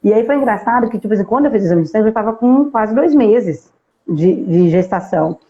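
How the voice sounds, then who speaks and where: A woman from Brazil tells a personal story as an interview guest, lively and acting out bits of dialogue along the way. Her voice is mellow and warm, and it comes through a muffled, lo-fi live stream. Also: medium pitch, fast.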